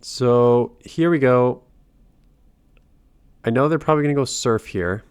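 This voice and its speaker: A gaming channel host and adult father talks through his own match casually, congested and nasal from a cold, musing aloud and dropping sentences partway. His medium-pitched voice is unhurried, clear and resonant, recorded at studio quality with no echo.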